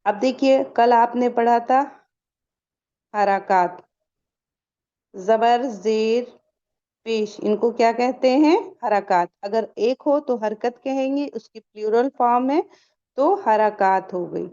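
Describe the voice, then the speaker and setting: Woman teaching a recitation class, kinda high voice, asks then answers her own questions, dull muffled audio. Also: mellow. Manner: quizzing, asks questions and answers them herself. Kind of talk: online tajweed class for women.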